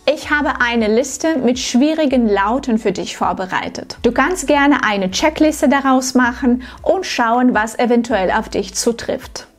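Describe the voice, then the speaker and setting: A woman coaching German pronunciation in a scripted tutorial to camera, slow and clearly articulated, like a teacher. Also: fairly high pitch, soft background music.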